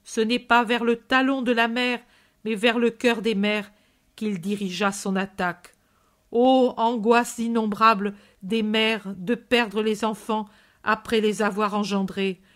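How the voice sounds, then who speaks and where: Woman reading as a gentle male preacher, solemn, exhorting, fairly high voice, storybook reading. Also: steady tone, a little slow, lightly acted.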